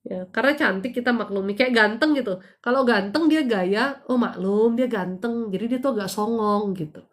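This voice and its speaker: A woman in her thirties speaks a little fast in a fairly high voice during a casual live stream, switching between spiritual advice and playful gossip. She hits her main points with emphatic bursts before easing back into relaxed, teasing chatter.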